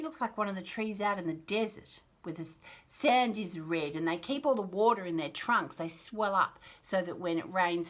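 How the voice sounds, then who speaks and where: This children's storyteller reads a picture book lesson aloud to toddlers in a voice on the low side with a fairly bright tone. Her delivery is sing-song and encouraging, with careful pronunciation and chatty asides.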